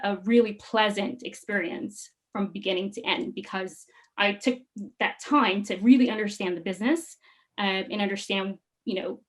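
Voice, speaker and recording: Female co-presenter, medium pitch, conversational talk delivery.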